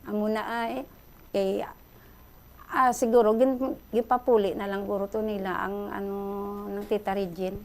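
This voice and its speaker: A middle-aged Filipina with a Hiligaynon accent, calling in to a radio show and excitedly retelling a story. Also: female voice, mid-range voice, normal speed. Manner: excited, breathless retelling, addresses host often. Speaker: caller.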